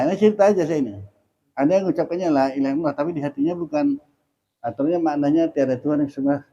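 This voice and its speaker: A man's voice: a little high, dark tone, slightly rough, dull audio. A man teaching a religious study class in a chatty way, asking questions and repeating dhikr phrases.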